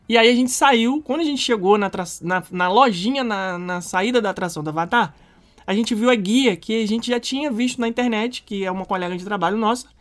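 Fast, animated Brazilian man telling a story. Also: sits high. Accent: Brazilian Portuguese. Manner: animated, slangy, stumbling restarts. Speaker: podcast co-host. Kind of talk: casual storytelling chat.

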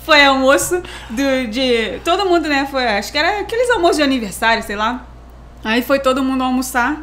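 A woman's voice: sits high, lively intonation, fairly quick, fairly bright tone, slight background noise. A Brazilian woman co-hosting a casual podcast, telling stories and joking at her own expense. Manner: chatty, self-mocking storyteller. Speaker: podcast co-host.

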